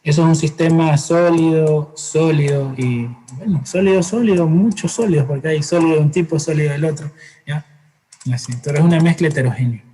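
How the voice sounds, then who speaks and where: A man teaching a science class, explaining patiently with everyday examples, often pausing to hesitate and correct himself. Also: a little high, dark tone, slightly rough, rough recording. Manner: frequent hesitations and self-corrections. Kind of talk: classroom lecture.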